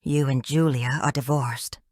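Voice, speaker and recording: A woman voicing a calm, steady husband and father in an audiobook. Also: very deep voice, unhurried, no echo, clean studio sound. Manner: calm, firm. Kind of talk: audiobook character voice.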